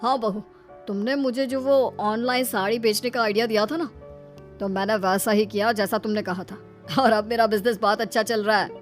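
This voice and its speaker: A woman's voice: fairly high pitch, steady tone, moderate pace, faint music behind, close to an everyday voice. Cheerful father-in-law, voiced by a woman. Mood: pleased. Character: cheerful middle-aged father-in-law, businessman. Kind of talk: cartoon voice acting.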